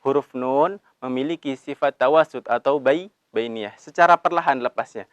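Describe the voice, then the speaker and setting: A man teaching Quran recitation, explaining letters patiently and drawing out the recited verses slowly. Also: medium pitch, no room sound, dull audio. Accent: Indonesian. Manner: slow drawn-out recitation of verses between brisk explanations; calls himself Abi, patient instructive tone. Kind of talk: recitation lesson with chanted examples.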